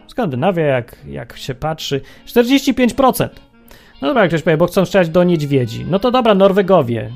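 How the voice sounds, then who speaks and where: A man's voice: a little high, gravelly. Sarcastic Polish-talking radio host man. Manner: sarcastic, mocking, with exclamations. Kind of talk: opinionated radio monologue.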